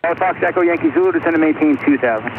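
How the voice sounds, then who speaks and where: A man working as an air traffic controller, giving brisk clipped clearances over a crackly two-way radio. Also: a little high. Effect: heard over a crackly two-way aviation radio. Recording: tinny radio channel with loud static.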